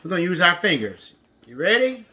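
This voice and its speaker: A man's voice: sits high, very animated, fairly quick, sharp tone. A man teaching an interactive counting lesson to young children, encouraging, with exaggerated reactions and lots of questions.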